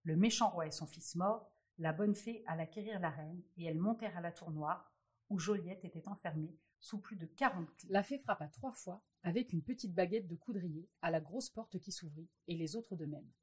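Breathy lady reading a fairy tale out loud, lots of expression. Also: fairly low pitch, normal speed. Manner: expressive storytelling. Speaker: storyteller.

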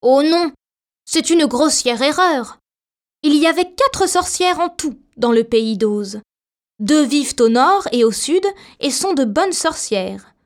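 A woman voicing a kindly little old good witch who speaks calmly and gently. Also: high voice, takes it slowly, exaggerated voice. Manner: calm, gently reassuring.

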